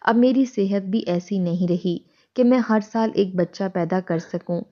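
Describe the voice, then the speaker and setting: A woman's voice: mid-range voice, dark tone, natural voice. A woman voicing a worn-out, ill young wife who pleads earnestly with her husband, in a dull lo-fi recording. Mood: pleading.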